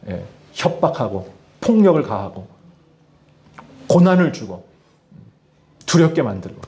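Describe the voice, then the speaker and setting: A middle-aged male pastor preaching a sermon to his congregation, often asking them questions. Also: on the high side. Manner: addresses congregation with questions, lively emphasis. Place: church in Tianjin, China.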